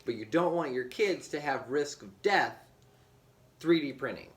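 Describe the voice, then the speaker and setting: A man's voice: fairly high pitch, measured pace, slight background noise. A father chatting casually with his family, telling stories with lots of laughter. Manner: animated storyteller, laughing.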